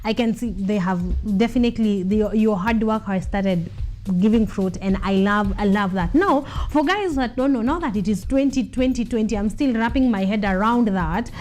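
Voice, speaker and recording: A woman's voice: medium pitch, normal speed, darkish tone, faint music behind. A woman hosting a studio interview, upbeat and chatty, switching freely between English and Swahili. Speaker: show host. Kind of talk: casual interview chat.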